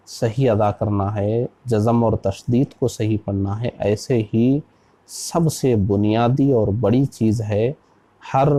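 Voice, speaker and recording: Low, mellow-voiced man teaching scripture. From India. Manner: slow, deliberate teaching, spelling out letters one by one. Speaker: Islamic scholar teaching Quran commentary. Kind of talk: religious lesson on Quran recitation.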